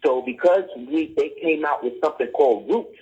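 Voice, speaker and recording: A man's voice: on the high side, fairly quick, darkish tone, breathy edge. A middle-aged man, a podcast guest, lecturing in a conversational way, pressing his points and often checking whether the listener follows. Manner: insistent, keeps asking "you see what I'm saying?". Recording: dull lo-fi audio.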